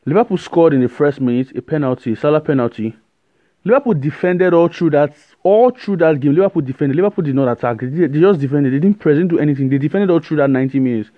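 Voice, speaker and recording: A man hosting a solo football podcast, giving animated, rambling opinions with many fillers and restarts. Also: a little high, fast, no echo, phone-quality sound.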